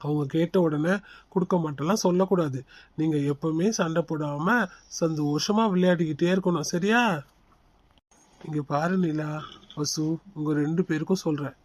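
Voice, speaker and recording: A man voicing a fair-minded father who calmly reasons and lectures his family. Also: a little high, normal speed, pauses often, close to an everyday voice. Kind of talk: cartoon voice acting.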